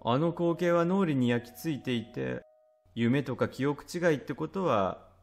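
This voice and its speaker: A man's voice: medium pitch, animated, a little slow, gravelly. Suspenseful male ghost story narrator over music. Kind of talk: scripted first-person horror storytelling in a conversational tone. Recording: music under the voice.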